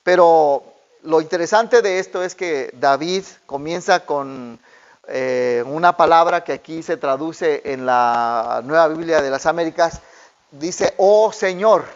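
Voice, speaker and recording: A man's voice: on the high side, unhurried, lo-fi sound. A man preaching a conversational Bible study sermon, with many "eh" fillers and repeated words. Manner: frequent "eh" fillers and repeated words, acts out quoted speech. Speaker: pastor.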